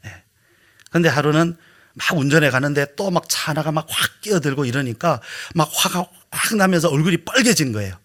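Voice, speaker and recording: A man preaching a Sunday sermon as pastor, swinging between hushed, whispered asides and loud, emphatic rhetorical questions. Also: on the high side, expressive, brisk. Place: church sanctuary.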